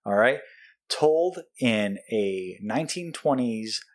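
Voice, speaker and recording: A man's voice: medium pitch, lively intonation, slow. A man hosting a podcast in a casual, playful chat with guests. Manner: playful, joking. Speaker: podcast host.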